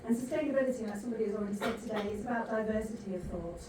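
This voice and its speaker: A woman's voice: on the high side, rapid-fire. A woman moderating a conference panel, delivering her points in an emphatic, rhetorical way. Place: large conference hall. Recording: echoey hall from far off, noisy.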